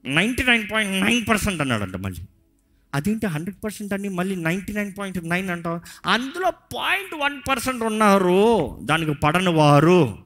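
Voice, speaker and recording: A man's voice: high voice, very animated, brisk, a bit bright, faint music behind. Man preaching, mixing in English. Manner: preaching with dramatic voiced quotes and repetition. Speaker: pastor. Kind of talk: sermon.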